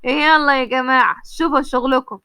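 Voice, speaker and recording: A woman voicing a triumphant young man with an Egyptian accent who gloats slowly over his enemy. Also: high voice, bright, forceful tone, clear, resonant tone, no room sound. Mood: gloating. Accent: Egyptian Arabic. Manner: gloating, slow and deliberate.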